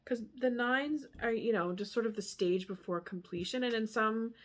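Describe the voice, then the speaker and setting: A woman with a slightly high voice gives a casual, rambling tarot reading at a moderate pace. She's candid and musing, sometimes trailing off into hushed asides.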